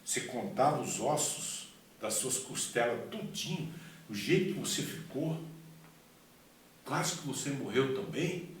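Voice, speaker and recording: A man voicing a solemn divine male voice speaking inwardly, grave, slow and hushed. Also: medium pitch, expressive, heavy reverb, recorded from a distance, slight background noise, lightly acted, rough recording.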